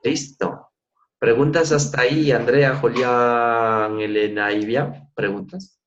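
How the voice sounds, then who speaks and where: A man's voice: medium pitch, steady tone, takes it slowly, highs cut off, slight background noise. A middle-aged man leading an online coaching class, explaining and acting out ways of asking questions. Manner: demonstrative, acts out tones of questions. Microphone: video call.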